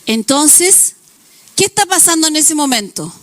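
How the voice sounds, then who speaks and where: A woman's voice: sits high, sing-song, a little slow, fairly bright tone, no echo. A woman pastor preaching a sermon, illustrating points with everyday examples and acted-out quotes.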